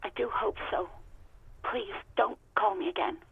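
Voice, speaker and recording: An actress playing a clipped, irritated police radio dispatcher. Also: female voice, medium pitch, unhurried, vocal fry, very noisy. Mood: curt. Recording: dull radio sound.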